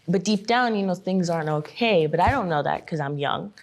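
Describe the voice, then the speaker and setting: A young woman talking with her mother about family and divorce, earnest and open, often rushing and then slowing down. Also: fairly low pitch, expressive. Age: young adult. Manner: earnest, speeds up then slows down. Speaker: podcast host, daughter. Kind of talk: emotional family conversation.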